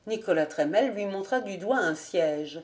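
A woman narrating a classic novel as an audiobook reader, measured and deliberate. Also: mid-range voice, lively intonation. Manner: slow, measured reading. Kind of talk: scripted narration.

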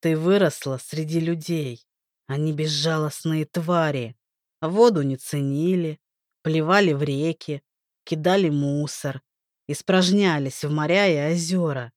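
A woman's voice: sits low, measured pace, darkish tone, no room sound, clean studio sound, voice pushed down. A woman voicing an arrogant, cruel male rain god who speaks with contempt and menace. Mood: contemptuous.

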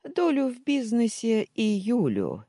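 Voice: mid-range voice, huge pitch swings, slow pace, warm tone, dry recording, studio quality, voice pushed up, heavily acted. Narrator voicing a hot-headed young man. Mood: mocking. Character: hot-tempered young man, loud and pushy.

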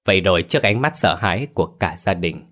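Male storyteller, low voice, suspenseful ghost-story narration. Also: expressive, fast, a bit bright.

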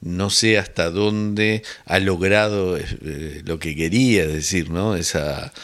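A man's voice: low voice, slow, a bit bright. A man hosting a radio music show, chatting casually and thinking aloud with many fillers. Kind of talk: casual radio chat presenting songs.

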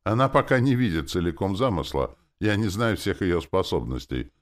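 A man voicing a dignified male architect who speaks in a measured way. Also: low-pitched, very animated, pitched above the performer's own voice. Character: dignified male master builder.

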